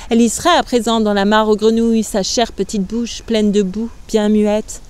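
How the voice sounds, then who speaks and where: Woman reading as a sly cruel teen girl, soft taunting voice, warm tone, storybook reading. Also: mid-range voice, little pitch movement, normal speed, clean tone, close to an everyday voice. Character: sly teasing sixteen-year-old girl, cruel.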